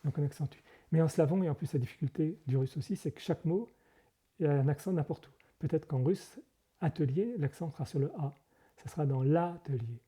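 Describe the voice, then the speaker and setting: Man, monk guest, explanatory, many fillers and self-corrections, somewhat high, very dark, husky. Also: fairly quick. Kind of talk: conversational interview.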